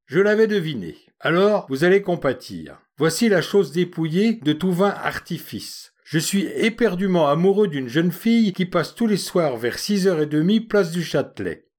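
A man's voice: high-pitched, very animated, moderate pace, hardly any pauses, darkish tone, pitched above the performer's own voice. A man voicing a pale, sad, timid young man who speaks in a formal, slightly pompous way. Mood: earnest, scheming.

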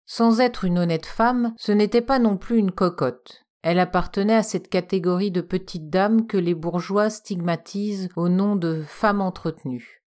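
A woman narrating a literary story in a measured, expressive storytelling manner. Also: mid-range voice.

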